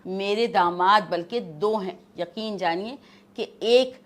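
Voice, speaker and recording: A woman guest with a Pakistani Urdu accent, talking in a haughty, scolding mother-in-law manner in a comic interview. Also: medium pitch. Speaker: guest actress.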